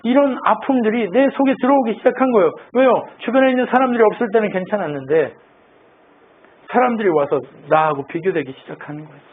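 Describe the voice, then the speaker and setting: A man's voice: high voice, fast talker, breathy edge. A man preaching a sermon as pastor, asking the congregation questions and answering them himself. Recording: tinny phone-like line with faint noise.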